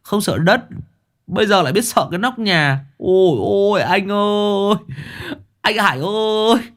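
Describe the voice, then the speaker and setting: A man's voice: sits high, measured pace, fairly bright tone, pitched above the performer's own voice. A man voicing a cheeky young man who teases his friend in a sing-song voice. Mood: mocking.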